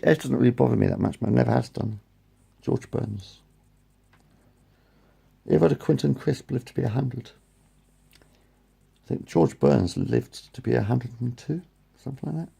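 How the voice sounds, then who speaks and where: A slightly slow, husky, dark-toned male voice at medium pitch, marked by vocal fry and frequent pauses. The speaker is a vlogger in his late forties giving a rambling, casual monologue into his phone's front camera, meandering between thoughts with repetitions and self-corrections.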